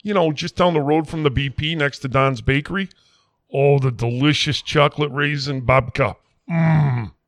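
A man's voice: a little high, normal speed, no room sound, natural voice. A man doing a folksy quack doctor. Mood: rambling. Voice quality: folksy, rambling, self-assured. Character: folksy small-town Wisconsin "doctor", middle-aged man. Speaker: comic character in a mock interview.

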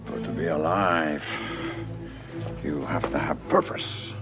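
An actor playing a haughty aristocratic master lecturing his servants, in a chewy, drawling put-on American accent, slow and contemptuous. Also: rumbling low, steady tone, loud music behind the voice, full character voice. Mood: disdainful. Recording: clip from a TV series with loud score.

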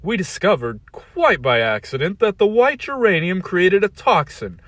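A man voicing a cold, megalomaniac middle-aged man who speaks slowly, loudly and with menace. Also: high-pitched, very animated, no room sound, pitched above the performer's own voice, exaggerated voice. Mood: gloating. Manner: slow, loud, menacing.

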